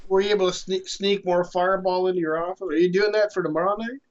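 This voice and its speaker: A man's voice: sits high, steady tone, fast. A man co-hosting a gaming stream over voice chat, joking, teasing and laughing often. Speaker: game streamer co-host. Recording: dull lo-fi voice chat audio.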